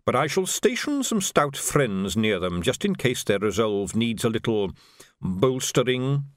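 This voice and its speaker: A man voicing a calm, assured male doctor who is part of a conspiracy. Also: medium pitch, measured pace, no room sound, studio quality.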